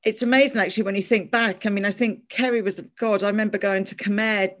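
A woman's voice: medium pitch, fairly even intonation, fast talker, fairly bright tone. An Irish woman hosting a podcast, talking casually with many fillers and easy laughs. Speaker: podcast host. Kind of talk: casual interview chat.

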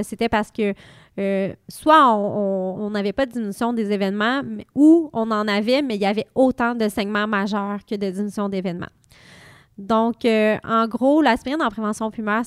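A woman with a Quebec French accent answers interview questions in a methodical, explanatory way. Her voice is fairly high and very smooth, recorded dry with hardly any room around it. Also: no room sound. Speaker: guest pharmacist.

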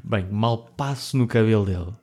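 A young man with a European Portuguese accent, telling a story in a casual podcast chat, lively and laughing often. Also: lowish voice, normal speed. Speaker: podcast co-host.

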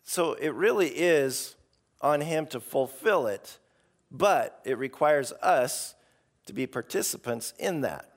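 A male preacher delivers a conversational, exhorting sermon. His voice is gravelly and hoarse, full of creak, as if starting to give out, and sits slightly high for a man. He speaks informally and with emphasis. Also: expressive, slow. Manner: informal, emphatic, acts out imagined replies.

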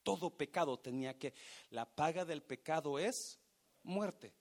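High-voiced preacher with dramatic swings. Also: male voice, unhurried. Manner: swings from hushed to loud and emphatic, stretching key words. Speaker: pastor. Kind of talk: sermon.

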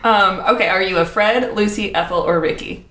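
A woman's voice: mid-range voice, a little fast. Playful woman host in an echoey room. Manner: playful, laughs often. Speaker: interviewer, host. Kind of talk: casual interview questions. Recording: echoey room with faint noise.

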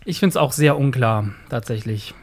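A man's voice: mid-range voice, moderate pace. A man in a casual podcast chat, explaining his view with confident, concrete examples. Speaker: podcast co-host.

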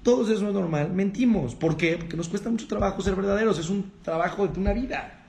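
A rabbi, giving a lively talk to an audience and acting out the people he quotes in changing voices. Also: high-pitched, fast talker, vocal fry. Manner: acts out quoted people in shifting voices, addresses audience directly. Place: room with a live audience. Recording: echoey room with faint ambient noise.

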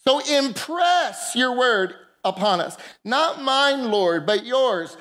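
A woman's voice: fairly high pitch, lively intonation, takes it slowly, fairly bright tone. A woman pastor preaching a sermon into a pulpit microphone in a church, emphatic and calling for the congregation's responses. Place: church sanctuary.

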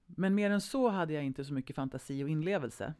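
A woman co-hosting a casual podcast conversation, telling a personal story vividly and varying her pace between brisk and slow. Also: sits low, a little mellow. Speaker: podcast co-host.

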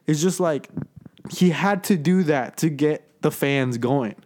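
A man's voice: fairly high pitch, a little slow, darkish tone. A young man co-hosting a casual podcast chat, rambling and peppering his talk with dude and bro. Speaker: podcast co-host.

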